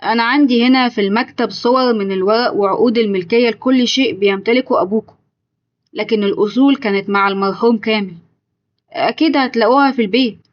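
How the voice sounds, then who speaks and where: A woman's voice: a little high, fast talker, dull audio, close to an everyday voice. A woman voicing a matter-of-fact lawyer with an Egyptian accent, in a told story. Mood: explaining. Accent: Egyptian Arabic.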